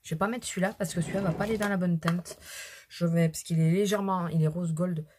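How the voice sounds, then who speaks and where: A woman's voice: lowish voice, steady tone, fast, background noise. A middle-aged woman with a cold, chatting casually and rambling through her makeup routine for a beauty vlog. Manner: chatty, rambling, self-deprecating asides. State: has a cold. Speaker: beauty vlogger. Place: at home at her mirror.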